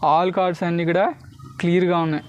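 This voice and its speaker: A man's voice: high-pitched, level tone, quick pace, a little hiss or hum. A man with a Telugu accent giving street performer patter for a card trick, mixing in English words and constantly checking that spectators follow. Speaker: street magician.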